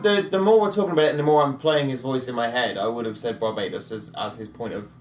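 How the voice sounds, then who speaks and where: Man, mid voice, halting and searching, roomy echo, faint room noise. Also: medium pitch. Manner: thinks aloud, halting. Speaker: podcast co-host. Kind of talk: casual group chat.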